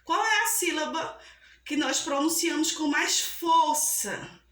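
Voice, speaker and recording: A woman's voice: high voice, expressive, takes it slowly, a bit bright, reverberant. A woman teaching a school grammar lesson, affectionate and patient, stretching out example words and checking in often with the class. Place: classroom with a board.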